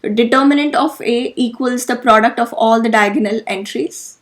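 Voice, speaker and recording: A woman's voice: on the high side, normal speed. A woman lecturing through matrix notation step by step, methodical and now and then correcting herself. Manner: methodical, self-correcting explanation. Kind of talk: slide-based math lesson.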